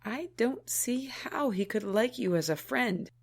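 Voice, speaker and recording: A prim, disapproving female alien who looks down on humans, voiced by a woman in an audio drama. She speaks slowly and deliberately, in a slightly high voice. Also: expressive. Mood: doubtful. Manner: disdainful, prudish, slow deliberate delivery.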